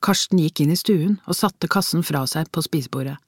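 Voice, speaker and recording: A reader narrating a crime novel as an audiobook, in measured storytelling with tense inner questions. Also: mid-range voice, breathy edge, dry recording, studio quality.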